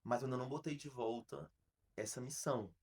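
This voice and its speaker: A man from Brazil, a podcast host, telling a story in a casual, slangy, animated way with many restarts. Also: medium pitch, a little fast, vocal fry, breathy edge.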